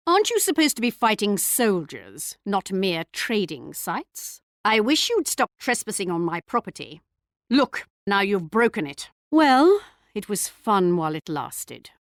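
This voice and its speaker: A woman's voice: medium pitch, no echo, clean studio sound. An actress playing a haughty queen in a strategy video game, speaking in a regal, arch, mocking manner. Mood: commanding, then rueful. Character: haughty English queen leading her empire, taunting rivals. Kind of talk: scripted strategy game taunts and announcements.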